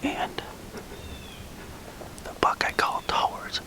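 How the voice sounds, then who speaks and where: A man whispering to the camera from a tree stand outdoors, shaking with excitement as he narrates his hunt. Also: slow pace. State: shaking with adrenaline. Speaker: hunting vlogger.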